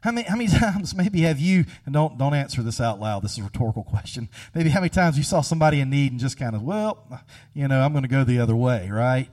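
A man in his thirties preaching a sermon, conversational and humorous, acting out little scenes and slowing down to stress key phrases. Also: medium pitch, big pitch swings, a little mellow. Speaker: pastor.

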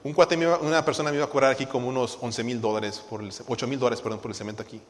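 A man's voice: medium pitch, steady tone, rapid-fire. A male pastor, preaching a sermon and emphatically questioning the congregation in church. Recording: long reverb of a church hall.

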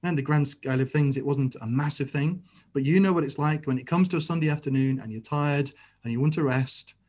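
A man's voice: on the high side, brisk, a little mellow. A man preaching a sermon as a pastor, earnest and fond of rhetorical tag questions.

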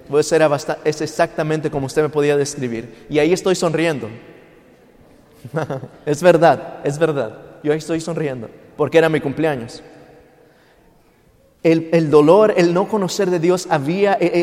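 A man's voice: on the high side, a little mellow. A man from Mexico preaching a sermon with a personal testimony, telling it with emotion and acting out the voices in his story. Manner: emotional storytelling, acts out quoted voices, mixes in English. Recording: long hall reverb.

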